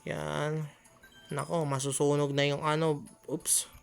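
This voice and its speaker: A woman's voice: low voice, little pitch movement, slow, creaky, soft background music. A woman giving chatty gameplay commentary, often exclaiming and laughing at her own mistakes. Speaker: gaming channel host.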